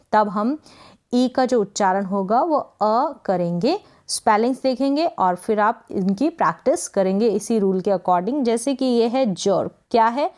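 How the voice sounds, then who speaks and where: A woman teaching English pronunciation in Hindi, patiently repeating each word and asking quick check questions. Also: fairly high pitch. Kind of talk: spoken lesson.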